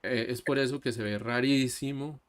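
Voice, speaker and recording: A man teaching an online English class, explaining slowly and mixing Spanish with English. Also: mid-range voice, steady tone. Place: online class over a video call. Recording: faint background music. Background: soft background music.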